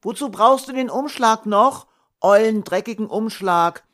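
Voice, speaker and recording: Squeaky little kid voice, whiny and pleading, read-aloud story. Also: male voice, unhurried, fairly bright tone. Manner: high pleading childlike voice. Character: whiny five-year-old boy.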